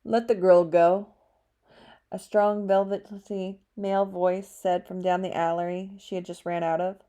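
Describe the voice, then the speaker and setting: Warm-voiced woman narrating a novel. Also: on the low side, normal speed. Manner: steady storytelling reading. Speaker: audiobook narrator. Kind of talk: scripted narration.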